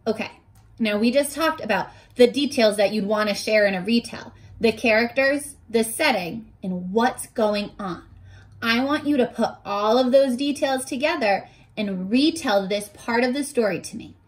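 A woman in her twenties with a slightly high voice reads aloud and teaches young children, animated and encouraging, asking questions and pausing for answers. She's recorded at arm's length in a small furnished bedroom.

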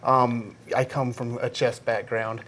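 Male interview guest, 40s. Medium pitch, informal, slightly hesitant storytelling on a studio lapel mic. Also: little pitch movement, a little slow, fairly bright tone. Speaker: game creator, interview guest. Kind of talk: casual interview chat. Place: small indoor video studio. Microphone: clip-on lapel mic.

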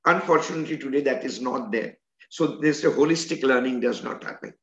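Roomy, dull video-call audio captures an older man, an educator and trainer, lecturing earnestly and emphatically from a room at home. His mid-range voice is a bit bright and moves fairly quickly.

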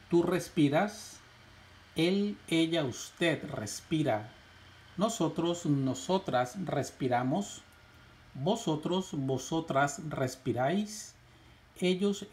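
A man teaching a lesson, reciting verb conjugations in a slow, measured drill with rising lists. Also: a little high, darkish tone. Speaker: Spanish teacher.

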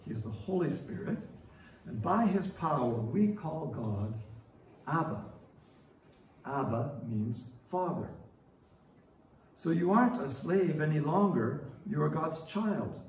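A man preaching a sermon as pastor, earnest and emphatic, with many pauses and fillers. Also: a little high, expressive, a little hiss or hum. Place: large church hall. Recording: distant mic in a very echoey hall.

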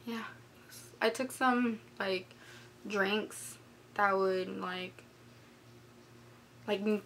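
Halting young woman, noisy room recording. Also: mid-range voice, fairly bright tone. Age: young adult. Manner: halting, rambling, frequently rephrasing. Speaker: vlogger. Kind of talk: casual personal vlog chat. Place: small bedroom indoors.

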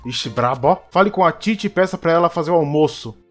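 A young man giving joking, excitable commentary while playing a game, shouting at the action. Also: fairly high pitch, quick pace. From Brazil. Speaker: gaming YouTuber. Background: game music.

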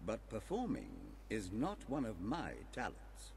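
An actor playing a formal, self-important gentleman detective in a video game, with a British accent. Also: on the low side, wildly swooping pitch, measured pace, slight background noise, full character voice. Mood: pompous, measured. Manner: pompous, formal.

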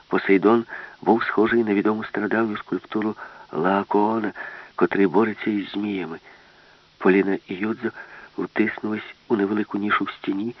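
A man narrating a story in a steady, low voice with a husky grain. The recording is dull and lo-fi, close and dry with no room around it. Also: dry recording. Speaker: audiobook narrator. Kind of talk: scripted narration.

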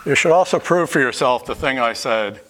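A man's voice: medium pitch, animated, moderate pace, fairly bright tone, a little hiss or hum. A middle-aged man giving a university lecture in a hall, thinking aloud and often restarting his phrases.

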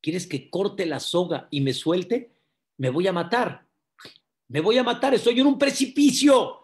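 A terrified climber dangling over a cliff, as a man acts him out, crying out to the sky in a strained, high, pleading voice. He sounds frantic and breathless with fear, his words rising sharply as he begs for help. The delivery is slow and drawn out. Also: expressive. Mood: desperate pleading. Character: terrified male mountain climber dangling from a rope.

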